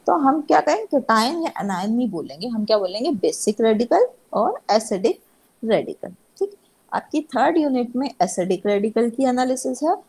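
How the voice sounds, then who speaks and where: A woman teaching chemistry to a class, asking herself questions and answering them. Her voice sits a little high, with a husky edge and a gravelly fry. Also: a little mellow, poor audio. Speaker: chemistry lecturer. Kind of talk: classroom lecture.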